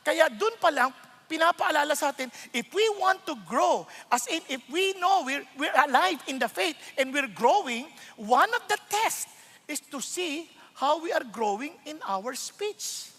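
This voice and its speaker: Man, Filipino accent, sermon, high voice, animated, rhetorical questions, long hall reverb. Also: a little slow. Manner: animated, rhetorical questions, mixes English into Tagalog. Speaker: preacher.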